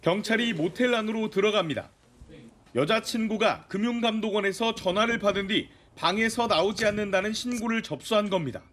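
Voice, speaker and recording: Male news reporter, noticeably high register, scripted report narration. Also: fairly quick, fairly bright tone.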